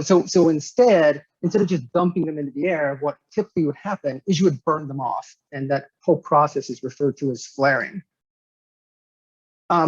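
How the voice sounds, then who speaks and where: A man gives an online business presentation over a video call. His voice sits a little high for a man, and he speaks in a measured way, with many "uh" fillers and restarts. The audio is dull and dry, with no room sound. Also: darkish tone, breathy edge, dry recording. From United States, Nevada. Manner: measured, with frequent "uh" fillers and repeated words. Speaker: guest speaker, company director.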